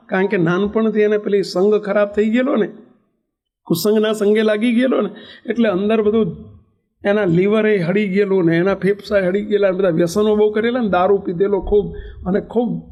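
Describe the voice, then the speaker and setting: A man's voice: sits high, darkish tone. A man, a monk, telling a devotional story in a sermon, emphatic and repeating key phrases, urging his listeners directly.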